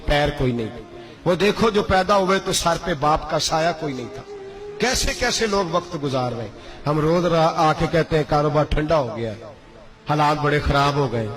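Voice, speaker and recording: A man's voice: on the high side, a bit bright. A male preacher telling a moral story in a sermon, with dramatic, emotional delivery.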